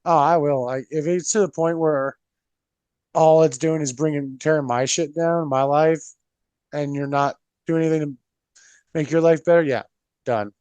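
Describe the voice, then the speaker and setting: A man's voice: fairly even intonation, normal speed, darkish tone, clear, resonant tone, no room sound. A man chatting on a podcast, blunt and full of swearing, mimicking other people as he talks. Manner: blunt, profane, swings his pitch mimicking others. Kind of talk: casual chat.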